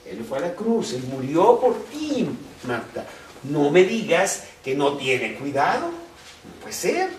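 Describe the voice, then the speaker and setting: A man preaching a conversational, animated sermon, full of rhetorical questions. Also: on the high side, takes it slowly. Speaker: pastor. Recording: roomy, distant mic.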